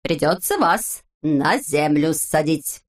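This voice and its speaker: A woman voicing a wise, calm little man from a storybook who patiently explains things to the others. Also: low voice, heavily acted. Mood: stern. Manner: slow, explaining, measured.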